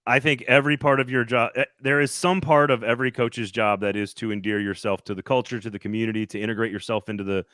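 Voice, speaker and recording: A man's voice: mid-range voice, flat delivery, fast, hardly any pauses, a bit bright, dry recording, studio quality. A man hosting a casual sports talk show, rambling and restarting his sentences often. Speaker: sports podcast host reporting on location.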